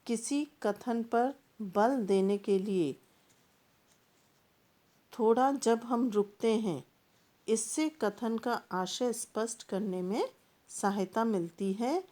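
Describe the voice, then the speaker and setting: A woman teacher giving a patient classroom explanation, pausing often and repeating points with plain examples. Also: medium pitch, a little mellow.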